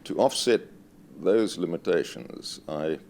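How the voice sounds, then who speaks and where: A man's voice: low voice, takes it slowly, vocal fry, darkish tone, slight background noise. An older man, a retired university invigilator, telling dry, self-deprecating stories in an interview.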